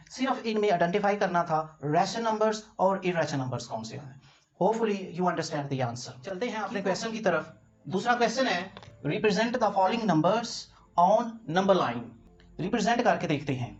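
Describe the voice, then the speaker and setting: A man's voice: high voice, muffled recording. A man from Pakistan teaching a math lesson, explaining each step patiently in a mix of Urdu and English terms.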